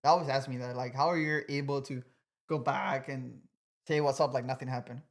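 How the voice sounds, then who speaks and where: A man's voice: mid-range voice, steady tone, fairly quick. Earnest talkative young man. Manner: earnest, talkative, many "like" fillers. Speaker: podcast guest. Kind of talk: casual podcast conversation.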